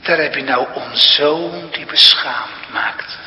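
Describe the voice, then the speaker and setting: A man's voice: a little high, slow, muffled recording, a little hiss or hum. A man preaching a sermon to his congregation, telling a story with emphatic delivery. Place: church. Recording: long reverb of a church hall.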